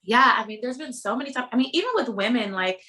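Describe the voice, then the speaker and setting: Bright, animated woman telling stories. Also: fairly high pitch, fast talker. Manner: animated storyteller, acts out dialogue, heavy use of "like". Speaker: interview guest. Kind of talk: casual conversational interview.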